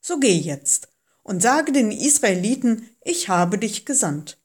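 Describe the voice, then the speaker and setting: A woman's voice: mid-range voice, sing-song, slow, husky, exaggerated voice. Woman reading God's solemn, commanding voice. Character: God speaking from a burning bush, calm and commanding.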